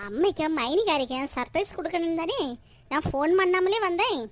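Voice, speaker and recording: A woman's voice: very high-pitched, expressive, brisk. A woman voicing a whiny, dim married daughter in a cartoon, with a Kanyakumari Tamil accent. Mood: cheerful. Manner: whining, complaining.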